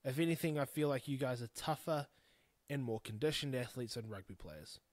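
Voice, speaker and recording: Brisk and medium-pitched, this podcast host is a New Zealander in his thirties giving a candid monologue on his own. He's blunt, heartfelt and rambling, swears freely, and the recording is dry.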